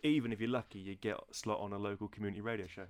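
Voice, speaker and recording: A man from a band guests on a radio show, talking in a dry, matter-of-fact way. His voice sits low and barely moves in pitch. He speaks quickly, in short bursts. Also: fairly even intonation, a crowd in the background. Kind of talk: casual radio interview. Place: radio studio.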